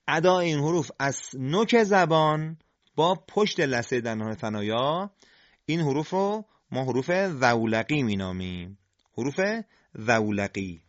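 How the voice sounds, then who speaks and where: A man with a slightly high voice gives a deliberate, step-by-step pronunciation lesson and pauses to sound out each letter. The recording is dry and a little dull and lo-fi. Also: a bit bright, dry recording. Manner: slow, deliberate, demonstrates sounds. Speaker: Quran recitation teacher. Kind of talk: scripted instructional lesson on tajweed.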